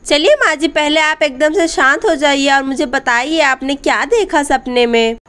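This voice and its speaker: A woman voicing a kind young village daughter-in-law in a doll story, gentle and reassuring. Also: sits high, moderate pace. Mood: caring.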